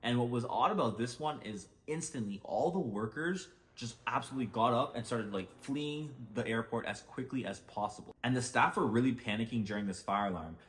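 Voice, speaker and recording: A man's voice: medium pitch, a little fast, few pauses. A young man telling a travel story in casual storytime narration, conversational and full of filler words. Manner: conversational, with frequent "like" and "basically".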